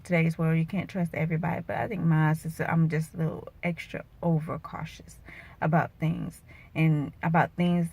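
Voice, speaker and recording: A woman's voice: lowish voice, gravelly. A woman in her thirties, an emotional vlogger and bikini competitor, venting earnestly and turning preachy and motivational, her voice wavering at times.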